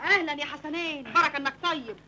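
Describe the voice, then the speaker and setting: An actress playing a sharp-tongued, nagging middle-aged wife with an Egyptian accent, in a comic film. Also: female voice, high-pitched, fast, a little hiss or hum. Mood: scolding. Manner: scolding, nagging.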